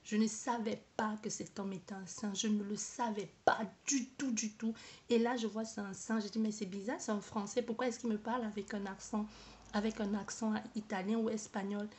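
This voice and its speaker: A woman speaking to camera in a personal, halting way, often repeating herself and searching for words. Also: mid-range voice, fairly even intonation, a little mellow. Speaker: vlogger.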